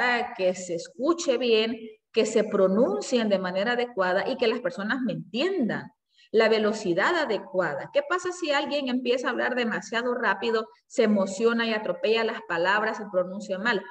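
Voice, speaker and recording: A woman teacher giving a classroom lecture, explaining step by step and answering her own questions. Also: fairly high pitch. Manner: self-corrects with fillers. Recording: echoey room, voice from far off.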